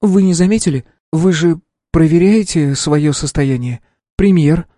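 Young woman lab scientist, tense and earnest, played by a man; mellow, dry audiobook read. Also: on the high side, measured pace, no echo. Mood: subdued.

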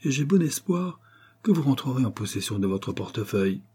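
A ship captain speaks with formal courtesy, as a male narrator voices him. His words come slightly higher than the reader's usual pitch. The voice is warm and husky. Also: big pitch swings, brisk. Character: ship captain, calm and official.

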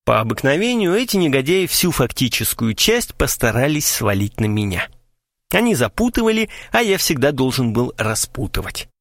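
Expressive male audiobook narrator. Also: medium pitch, moderate pace, no echo, studio quality. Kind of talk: literary audiobook reading.

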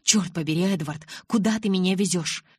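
A woman voicing a frightened, desperate teenage girl who pleads and shouts, in a storybook reading. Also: lowish voice, fairly quick, breathy edge, dry recording, studio quality. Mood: pleading.

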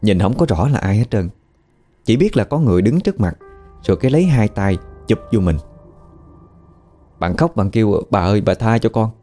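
A man's voice: fairly low pitch, sing-song, moderate pace, pauses often, warm tone, soft background music. A man with a Southern Vietnamese accent narrating a ghost story in a colloquial, conversational way.

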